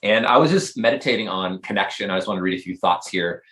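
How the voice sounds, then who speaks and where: A man's voice: deep voice, quick pace, a bit bright. A male life coach co-hosting a faith podcast, talking thoughtfully and rambling with many fillers. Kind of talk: casual faith-based podcast talk.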